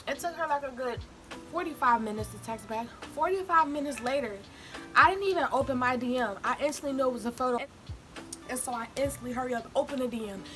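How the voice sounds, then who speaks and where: A young woman with a fairly high voice chats to her viewers like a vlogger. Her storytelling is casual, slangy and emphatic. Music plays behind her voice. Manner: animated, informal slangy delivery with emphatic repetition. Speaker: vlogger hosting a mukbang storytime. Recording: music in the background. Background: background music.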